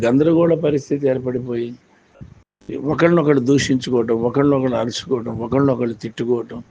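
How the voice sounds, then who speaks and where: Animated man telling a story. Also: medium pitch. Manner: animated retelling with repetitions. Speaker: commentator. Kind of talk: storytelling commentary. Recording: dull lo-fi with faint noise.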